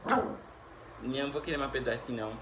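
A man's voice: medium pitch, fast talker. A man with a Brazilian accent, filming his dogs at home in doting baby talk with squeals of joy. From Espírito Santo, Brazil. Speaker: pet vlogger. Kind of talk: casual vlog talking to his dogs. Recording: echoey room, loud background noise.

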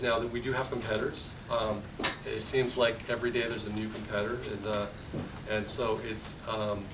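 A man in his thirties runs a software demo from a podium in a conference room, talking in an eager, rapid sales patter that keeps restarting mid-sentence. He sounds set back from the microphone, with a steady low rumble under his voice. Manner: fast, enthusiastic sales pitch with frequent restarts. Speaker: tech company presenter. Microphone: podium mic from far camera. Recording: distant roomy audio with rumble.

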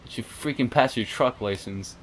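A man's voice: medium pitch, normal speed, over a noisy crowd. A man chatting casually with a friend while gaming, laughing at him and scolding him in exasperation. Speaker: gamer.

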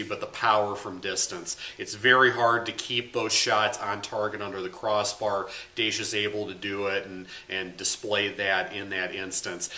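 A man in his thirties talks through a match analysis straight to camera, in a loose and conversational way. His voice has a very bright, sharp edge. It bounces around a small, echoey room. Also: on the low side. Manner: conversational, uses fillers, gestures with hands. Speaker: high school sports beat writer. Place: small plain room indoors.

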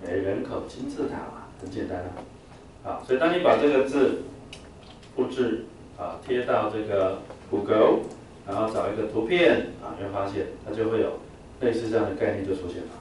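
An English vocabulary teacher lectures his class at normal speed in a lowish, darkish voice. He fills his explanations with "啊" and leads the group in repeating words, captured from a distance in a reverberant room with slight background noise.

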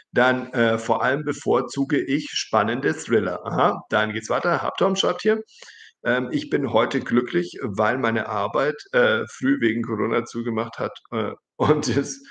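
A male German teacher runs a live lesson, reading viewers' messages aloud and correcting their grammar with frequent laughs. His voice has a gravelly, fry-tinged texture at a middle pitch. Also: a bit bright. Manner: reads out chat messages and corrects them, often laughing.

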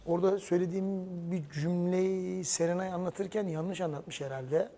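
A man's voice: sits high, moderate pace. A man chatting casually, recounting and retelling what others said. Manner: animated, recounting conversations. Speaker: reality show contestant. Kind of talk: casual gossip chat.

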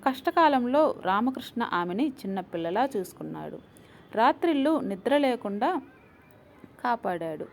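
Female narrator, slightly high pitch, calm measured read, soft background hiss. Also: vocal fry. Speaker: storyteller. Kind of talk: scripted story narration.

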